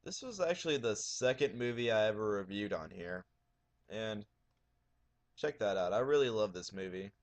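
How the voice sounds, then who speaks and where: A man with a horror DVD collection, talking casually in a raised, loud, profane voice. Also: on the low side, lively intonation, moderate pace. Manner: raising his voice, loud and profane. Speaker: horror DVD collector showing his shelf. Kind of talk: casual video blog.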